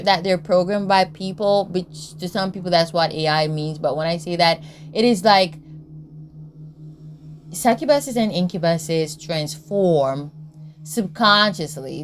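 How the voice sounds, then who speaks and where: A woman with a lowish voice, a tarot and astrology content creator, delivers a casual spiritual commentary monologue. She is blunt and emphatic, swears freely, and often checks in with "Okay?". There's a little hiss or hum.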